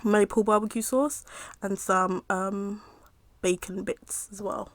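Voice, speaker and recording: A young woman chats casually between bites, her voice at a middling pitch. She rambles with plenty of fillers, drifting off and picking the story back up. The sound is dry and close, with no room around her. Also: steady tone, no echo. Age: young adult. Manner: chatty, rambling with many fillers, pauses to eat. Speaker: mukbang vlogger. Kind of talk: casual storytime while eating.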